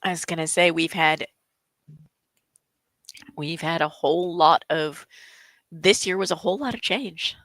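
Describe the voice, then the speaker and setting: A woman co-hosting a casual live stream chat, halting, with a worn-out voice that is going. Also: on the low side, fairly bright tone, no echo. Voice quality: strained, worn-out voice. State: losing her voice. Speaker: co-host of a live stream show.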